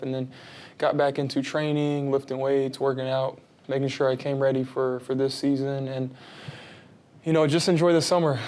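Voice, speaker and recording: A man in his thirties, raised in Texas, answering interview questions about his career and family in a relaxed, rambling way with many fillers. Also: medium pitch. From United States (Texas). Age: 30s. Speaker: basketball player, interview guest.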